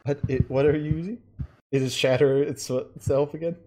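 A man's voice: fairly high pitch, fairly even intonation, warm tone. Male game master, casual and swearing. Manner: casual, swears freely, quick bursts of narration. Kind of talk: narrating a tabletop game over voice chat.

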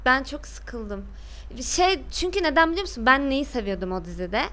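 A young woman in animated casual chat about a TV series, giving blunt, emphatic opinions. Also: high-pitched, moderate pace.

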